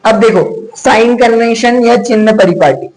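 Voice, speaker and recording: A man's voice: very high voice, moderate pace, darkish tone, rough recording. A man teaching a physics class, chatty and teasing, scolding students to focus and mixing in English terms. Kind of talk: classroom lecture.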